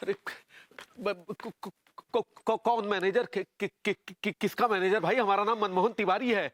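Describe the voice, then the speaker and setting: A man's voice: sits high, animated, moderate pace, a bit bright, no echo. An actor playing a flustered middle-aged man who stammers and pleads in a TV sitcom. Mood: panicked. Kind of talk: TV sitcom acting.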